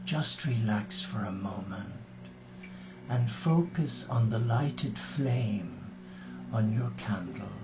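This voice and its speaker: With a lowish, animated voice, a man acting as a religious brother leads prayer and guided meditation. His delivery is gentle and reverent, made of short phrases and long pauses, heard in a dull lo-fi live recording with music.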